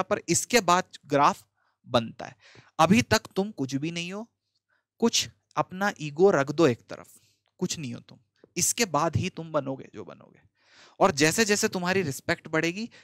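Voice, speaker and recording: A man's voice: fairly high pitch, fairly bright tone, no echo, clean studio sound. A man, an online teacher giving a motivational talk to exam students in a direct, scolding but friendly way, repeating points for emphasis.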